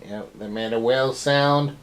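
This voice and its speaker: A woman with a strikingly low voice recaps a film plot in easy, casual chat. She keeps asking her co-host what happens next. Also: normal speed, slight background noise. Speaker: co-reviewer. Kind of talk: casual movie review chat.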